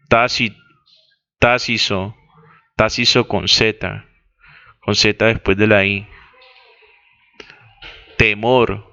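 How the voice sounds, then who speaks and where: A man reading a text aloud as dictation, deliberately spelling out words and correcting his own slips. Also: on the low side, bright, forceful tone, smooth. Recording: dull lo-fi recording.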